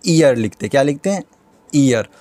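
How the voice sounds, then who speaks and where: A man's voice: medium pitch, lively intonation, a little fast, darkish tone, no echo. A male teacher giving a grammar lesson, asking questions and answering them himself again and again.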